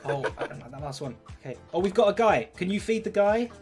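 Slightly high-voiced male gaming host, playful and chatty, casual co-op banter, soft music bed. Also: expressive, quick pace. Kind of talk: casual co-op gameplay chat.

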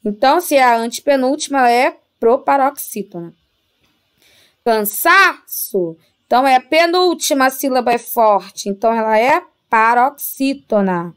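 A woman's voice: high voice, lively intonation, normal speed, hardly any pauses, clear, resonant tone. A woman teaching a primary school Portuguese class with a Brazilian accent, patiently stretching out example words and checking in with the children. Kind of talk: recorded remote class lesson.

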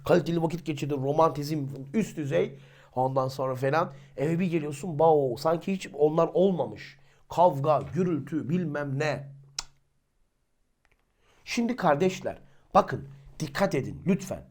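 A man with a fairly high-pitched voice gives a casual sermon to his listeners. He talks in an easy, everyday way, firing rhetorical questions at them. He slips into the voices of the people in his examples. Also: normal speed. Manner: lively, colloquial, acts out quoted people. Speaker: religious teacher. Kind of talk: informal sermon talk.

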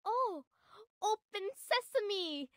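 A woman putting on the voice of a bubbly young female adventurer, chirpy and breathy. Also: very high voice, animated, drawn-out words, fairly bright tone, no echo, clean studio sound, voice pushed up, full character voice.

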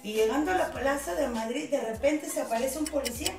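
A high-pitched woman spins jokes in an animated, chatty way and laughs through her punchlines. She sits some distance from the mic in an echoey TV studio with music playing behind. The sound is roomy and distant. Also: fast talker. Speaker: guest actress. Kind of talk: chatty joke-telling.

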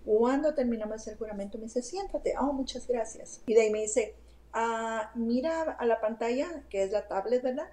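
A woman's voice: on the high side, moderate pace, mellow, rough recording. A woman telling a story to a host in a casual chat, full of fillers and asides. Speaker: interview guest.

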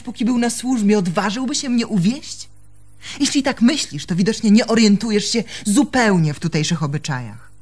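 In a Polish radio theatre drama, an actress plays a proud, reproachful young barmaid who has been jilted by her fiancé. Her female voice is medium-pitched and a little mellow, and she speaks accusingly and with emphasis.

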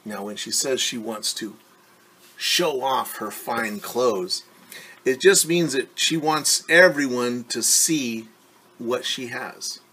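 In a home living room, a middle-aged teacher reads a picture book aloud to children, pausing to explain things patiently in simple words. His mid-range voice is husky, pushed and bright, at a slow pace.

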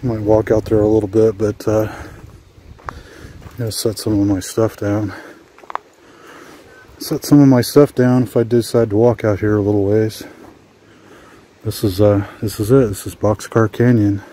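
A man from Washington State narrates his hike in a low, mellow voice, wandering from thought to thought with plenty of "uh"s. He talks as he walks outdoors along old train tracks, with faint ambient noise around him. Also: normal speed, pauses often. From Washington State, USA. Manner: relaxed, rambling, with frequent "uh" fillers; talks while walking outdoors. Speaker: adventure vlogger. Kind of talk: casual hiking vlog commentary. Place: outdoors on abandoned railway tracks.

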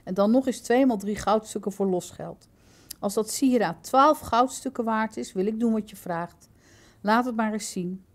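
A woman reading aloud as a stern, commanding male toll lord who asks sharp, probing questions. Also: on the high side, normal speed, lightly acted.

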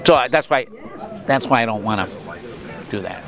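Through a hidden wire under clothes, with clear restaurant chatter around, a man talks privately about work. His delivery is casual and conversational. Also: mid-range voice, animated, normal speed, music in the background. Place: busy restaurant, indoors. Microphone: hidden body wire under clothes.

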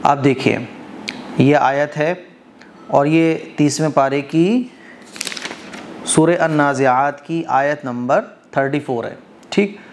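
Guy teaching quran reading, slightly high voice, walks through rules step by step then chants verses slow and stretched. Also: slight background noise. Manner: explains step by step, often checks understanding; chants verses slowly with drawn-out vowels. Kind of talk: tajweed lesson.

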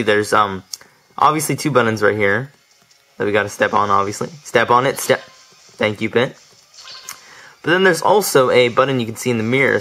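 A man's voice: mid-range voice, a bit bright, poor audio. A young man casually commentating his gameplay, chatty and laughing often, tripping over his words. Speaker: let's play commentator. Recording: faint game music behind.

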